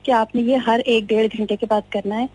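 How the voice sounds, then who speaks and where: Female caller heard over a phone line, slightly high voice, earnest and instructive. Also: steady tone, moderate pace, darkish tone, breathy edge. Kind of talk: radio call-in, giving health tips.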